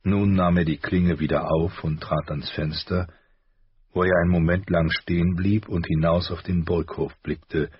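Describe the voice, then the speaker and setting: Deep, husky male audiobook narrator. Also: fairly even intonation, dry recording, muffled recording. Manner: slow, measured reading.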